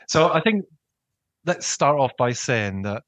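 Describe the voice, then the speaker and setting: A man's voice: mid-range voice, very animated, a little slow, a bit bright, no room sound. A man hosting a podcast in a casual, informal and jokey conversational style. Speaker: podcast host. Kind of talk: casual banter chat.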